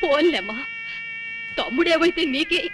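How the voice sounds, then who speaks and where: A woman's voice: sits high, lively intonation, moderate pace, background noise. A woman playing an old, half-deaf, sickly mother who scolds and pities herself in a film comedy. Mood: lamenting. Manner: scolding, theatrically self-pitying. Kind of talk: 1990s film comedy acting.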